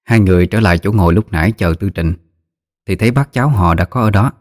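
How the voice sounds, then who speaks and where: Steady storyteller. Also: male voice, low-pitched, fast. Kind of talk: audiobook narration.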